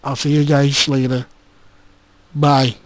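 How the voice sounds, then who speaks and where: A man giving a casual gaming channel update, recorded on a handheld game console's voice recorder like a dictaphone, halting and restarting often. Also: mid-range voice, flat delivery, a little hiss or hum. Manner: halting, with frequent restarts and filler words. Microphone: handheld game console's built-in recorder.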